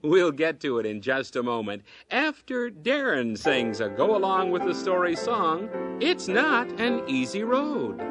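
A man hosting a children's religious radio program in a folksy, avuncular, upbeat style, like a chipper old-time ad pitch. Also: sing-song, unhurried, over loud music. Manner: avuncular, addresses children as fellas and gals.

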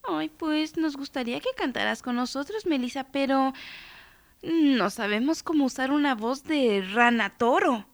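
A woman's voice: high voice, lively intonation, unhurried, no room sound, pitched above the performer's own voice. Woman doing a teasing big brother. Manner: soft, joking. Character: teasing older brother, boy.

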